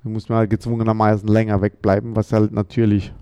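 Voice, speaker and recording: Man from Ethiopia, comedian, chatty storytelling, gravelly, mellow tone, dry sound. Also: on the low side, flat delivery, fast, no echo. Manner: chatty, adds "ne?" after many sentences. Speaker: comedian and guest. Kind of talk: casual interview storytelling.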